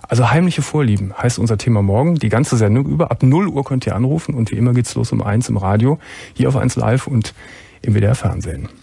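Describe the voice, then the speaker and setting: A man hosting a late-night call-in radio show, calm and attentive, prompting the caller with short questions. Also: medium pitch, fast, vocal fry, breathy edge, no room sound.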